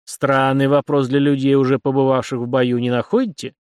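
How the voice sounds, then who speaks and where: A man's voice: mid-range voice, level tone, brisk, a little mellow, clean tone, no echo, studio quality, close to an everyday voice. A man voicing a stern, commanding middle-aged captain in a storybook reading, clipped and strict. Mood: curt.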